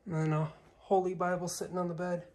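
A man quietly commenting as he walks through an abandoned hotel, remarking on the things left behind, recorded on a handheld phone camera. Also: flat delivery, fast. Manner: low-key, remarks on found objects. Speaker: urban explorer. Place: abandoned hotel, indoors, walking through rooms.

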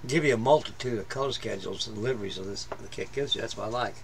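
Talking fast in a lowish, gravelly voice, a middle-aged man gives loose, plain-spoken commentary on the model he's building at a home hobby-room workbench. He rambles with lots of fillers and restarts, and there's slight background noise.

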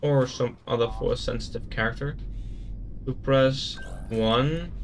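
A man's voice: medium pitch, slow, soft background music. A man giving casual gameplay commentary, thinking aloud in an easygoing way as he explores a game. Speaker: gaming YouTuber.

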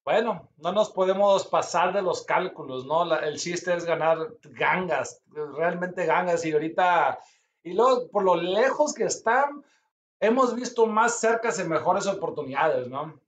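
A man's voice: high-pitched, a little slow. A man in his thirties hosting a live stream with casual commentary, urging in short repeated phrases, in slightly dull audio. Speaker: host of a live auction stream. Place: small office with a whiteboard.

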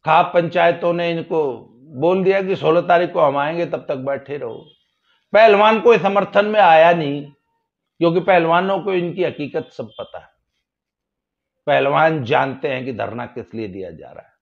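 A man giving casual spoken commentary, folksy and sarcastic, getting loud when he stresses a point. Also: fairly high pitch, normal speed, vocal fry, lo-fi sound. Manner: folksy, sarcastic, rises loudly for emphasis. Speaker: political commentator.

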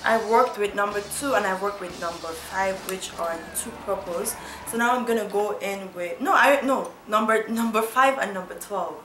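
A young beauty vlogger from Nigeria giggles and chats while doing a makeup tutorial, teasing herself as she goes. She speaks at a medium pitch and normal speed, and the clip has background noise, a roomy echo and faint music.

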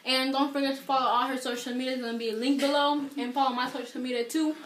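A woman's voice: high voice, steady tone, fast, fairly bright tone. A young woman hosting, chatting casually to camera. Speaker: vlog host. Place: small indoor room, camera at short distance. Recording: echoey room, noisy background.

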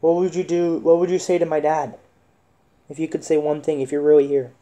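A man hosting a spirit box session, asking questions in a halting, repetitive, insistent and casual way. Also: on the high side, level tone, warm tone. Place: indoor room with wooden floor.

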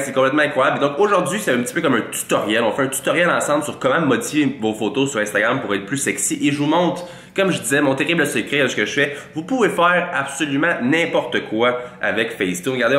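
A Québécois fitness vlogger in his twenties, stuffy with a cold, jokes his way through a tutorial to camera in a mock-boastful, teasing manner. His mid-range, fairly bright voice has lively intonation and a quick pace with few pauses, and he speaks with a Québécois French accent. A large studio mic sits close in front of him in a small, echoey room with a green-lit wall.

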